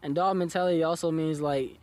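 A man's voice: on the high side, steady tone, fairly quick, darkish tone. A man in his twenties, a college football player, answering interview questions casually. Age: 20s.

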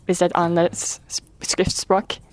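A woman in her twenties interviewing, asking earnest, slightly halting questions. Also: fairly low pitch, little pitch movement, darkish tone, no echo. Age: 20s.

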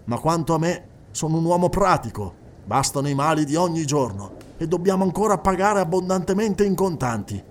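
A man voicing a big, practical male chairman who talks in a hearty, brisk way. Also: fairly high pitch, expressive, slight background noise, lightly acted. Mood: dry.

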